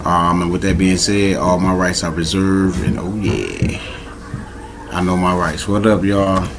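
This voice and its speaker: Lower-pitched male stream host, laid-back slang, repeated greetings, light background hiss. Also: little pitch movement. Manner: slangy, repeats greetings, drawn-out calls to chat. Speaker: livestream host. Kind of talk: casual late-night livestream chat. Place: home, late at night, dogs nearby.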